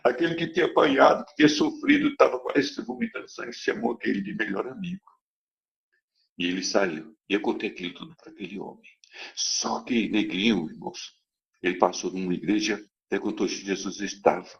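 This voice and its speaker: Man, church testimony, dramatic emphatic storytelling, gravelly voice, dull lo-fi recording. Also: on the low side, very animated, a little fast, a bit bright. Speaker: church member giving testimony.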